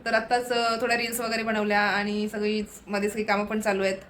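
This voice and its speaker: A woman's voice: medium pitch, flat delivery, fast talker, a bit bright, slight background noise. Chatty Marathi-accented woman vlogging chores. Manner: chatty, talks to viewers while doing chores. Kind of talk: casual home vlog narration. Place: apartment at home.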